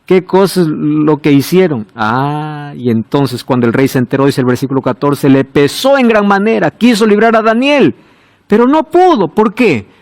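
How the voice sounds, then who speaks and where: A man preaching a sermon in a fairly high voice, recorded close and dry. He asks rhetorical questions and swings from emphatic high lines to quiet, low asides. The pitch keeps rising and falling with his emphasis. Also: expressive, normal speed, dry recording.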